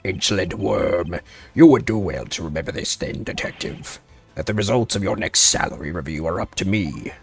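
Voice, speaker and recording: A man's voice: low-pitched, expressive, normal speed, gravelly. A man voicing a cold, pompous prosecutor from a video game, domineering and scornful in formal speech. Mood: haughty contempt. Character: haughty male prosecutor, cold, accusing and domineering.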